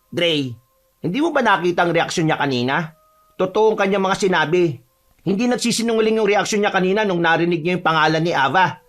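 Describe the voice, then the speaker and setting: A man's voice: high-pitched, fairly quick, a bit bright. A man voicing a jumpy, easily scared young man from the city in an audio horror story. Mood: calm. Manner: nervous, whiny and fearful.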